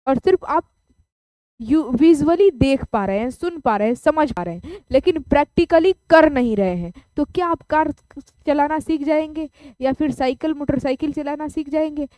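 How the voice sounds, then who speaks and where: A woman's voice: high-pitched, moderate pace, warm tone, dry recording. A woman teacher giving an online class lecture, explaining with everyday examples and checking in with her students.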